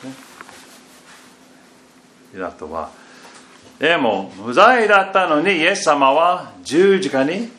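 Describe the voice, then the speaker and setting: A man preaching a sermon and reading scripture, halting and restarting, with phrases that often fade very quietly at the end. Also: a little high, sing-song. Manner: slow and halting, with repeated fillers and restarts. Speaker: pastor. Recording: echoey room, faint background noise.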